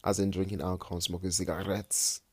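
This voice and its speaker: A man's voice: sits low, flat delivery, quick pace, breathy edge, dry recording. A young man, hosting a podcast in a cheeky, rambling monologue, his voice still groggy from the morning. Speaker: podcast host.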